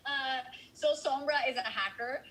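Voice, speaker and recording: Playful bright-voiced woman from Colombia. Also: high-pitched, measured pace, poor audio. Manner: playful, animated, quotes lines in character voices. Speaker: voice actress guest. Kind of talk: casual interview chat.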